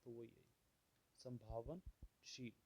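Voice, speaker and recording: A man teaching vocabulary, explaining words and listing their opposites at a steady pace, often checking in with "theek hai". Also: mid-range voice, a little hiss or hum, low-quality recording. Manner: slow and measured, repeats "theek hai" often. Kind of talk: explaining word meanings.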